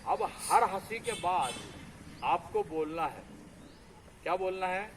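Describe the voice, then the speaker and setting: A man's voice: high-pitched, expressive, takes it slowly. A man leading a laughter yoga session, energetically coaxing the group to clap and laugh, recorded outdoors. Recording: crowd and outdoor traffic noise.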